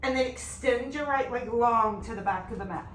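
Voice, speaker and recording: A woman's voice: fairly high pitch, moderate pace, reverberant, slight background noise. A woman yoga instructor calling out poses in a yoga flow class, slightly out of breath as she moves through it. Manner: calm, directive cues, sometimes winded while moving.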